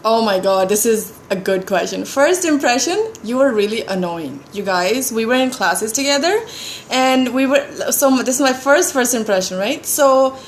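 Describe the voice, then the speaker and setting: A woman's voice: a little high, animated, moderate pace, a little hiss or hum. A young woman from India, chatting casually with her husband and teasing him. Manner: chatty, teasing, laughs often. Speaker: co-host of a couple's livestream. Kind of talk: casual chat.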